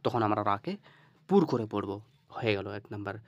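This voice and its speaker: A man's voice: lowish voice, lively intonation, brisk, no echo, dull audio. A man teaching Quran reading, spelling out letters and vowel marks step by step and often checking "okay?". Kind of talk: lesson on reading Arabic letters.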